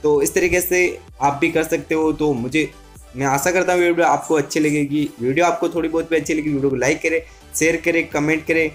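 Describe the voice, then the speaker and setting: Higher-pitched Indian man giving a tutorial. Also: fairly even intonation, brisk, faint music behind. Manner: repetitive, instructional, addresses viewers directly. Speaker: tech tutorial host. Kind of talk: casual step-by-step phone tutorial voice-over.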